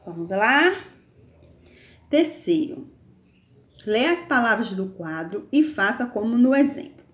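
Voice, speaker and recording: A woman with a Brazilian Portuguese accent speaks very slowly, stretching each word the way a teacher does for young children. Her voice sits a little high. The recording has the roomy echo of a plain room. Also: very animated. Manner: slow, patient, over-articulated classroom delivery. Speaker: primary school teacher. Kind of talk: recorded online lesson. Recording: echoey room.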